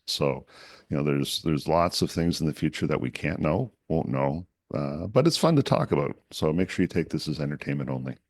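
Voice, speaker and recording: A man's voice: extremely low pitch, lively intonation, a little fast, darkish tone, dry recording, clean studio sound. A man co-hosting a finance podcast, wry and teasing, often restarting his sentences. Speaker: co-host. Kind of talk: casual finance podcast chat.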